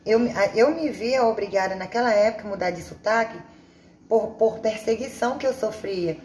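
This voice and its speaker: A woman's voice: mid-range voice, moderate pace, a little mellow. A woman from Bahia, Brazil, chatting casually about her own life, rambling and restarting her sentences as she goes. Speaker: vlogger. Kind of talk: casual personal storytelling. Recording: echoey room with faint ambient noise.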